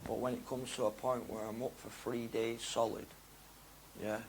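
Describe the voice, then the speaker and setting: A young man with a gravelly, fry-edged voice speaks candidly as an interview guest at a normal speed. His slangy, rambling talk swings between loud excitement and low mumbles, recorded roughly over faint noise.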